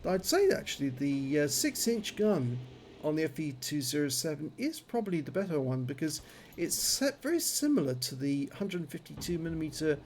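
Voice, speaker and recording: High-pitched man commentating, numb sore jaw. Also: sing-song, normal speed, a little hiss or hum. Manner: slightly impeded speech from a numb, infected jaw with toothache. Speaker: gameplay commentator. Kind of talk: running commentary on a tank battle video game.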